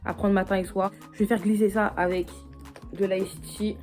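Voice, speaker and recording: A woman's voice: mid-range voice, level tone, normal speed, over music. A young woman chatting casually in a vlog, rambling with many fillers and restarts. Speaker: vlogger.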